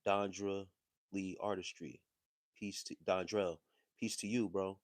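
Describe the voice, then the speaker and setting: A man's voice: low-pitched, flat delivery, measured pace, no echo, clean studio sound. A man hosting a livestream, talking casually and reading chat messages in a loose, slangy, conversational way. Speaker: livestream host.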